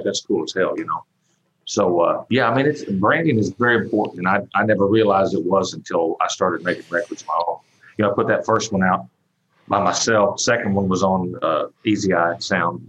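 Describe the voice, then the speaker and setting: Country singer, very low voice, dull muffled sound, easygoing rambler. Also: male voice. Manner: rambling, relaxed, many fillers and restarts. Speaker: country singer-songwriter, guest. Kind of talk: casual interview talk.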